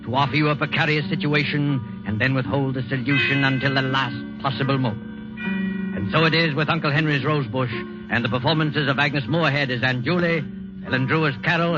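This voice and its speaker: An actor playing an ominous, suave thriller host on vintage radio, formal, theatrical and measured. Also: male voice, fairly high pitch, close to an everyday voice. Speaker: announcer and host. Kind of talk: 1940s radio announcing. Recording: dull old radio recording, loud music.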